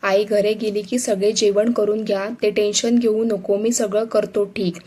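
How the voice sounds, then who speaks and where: A woman's voice: mid-range voice, little pitch movement, normal speed, warm tone, husky, natural voice. A woman voicing a young husband full of guilt and remorse, read plainly in a storybook manner. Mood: calm, apologetic.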